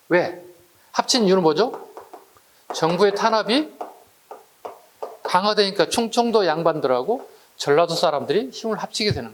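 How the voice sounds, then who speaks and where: Chatty male history lecturer. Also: high-pitched. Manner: chatty, rhetorical questions to students. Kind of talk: exam-prep lecture.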